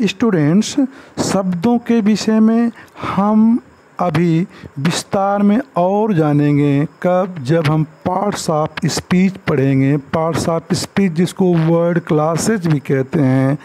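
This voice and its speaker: A man teaching basic English grammar in Hindi. He mixes in English phrases and repeats words slowly for emphasis. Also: high-pitched, warm tone, low-quality recording. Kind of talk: classroom lecture.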